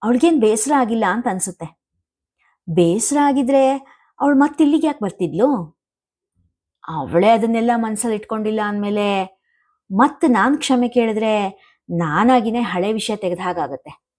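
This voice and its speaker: A woman's voice: a little high, moderate pace, long pauses, a little mellow, lightly acted. An elderly bedridden father, fretful and full of regret, muttering his thoughts to himself, as a woman narrator reads him. His words come in a restless inner monologue. It is a spoken family storybook. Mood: regretful. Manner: inner monologue, self-reproaching.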